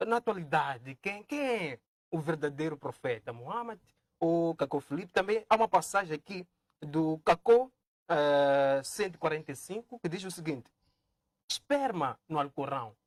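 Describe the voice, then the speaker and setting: A man moderating a religious debate and putting halting questions to the guests. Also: fairly high pitch, expressive, no echo, clean studio sound. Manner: frequent short acknowledgments, halting questions.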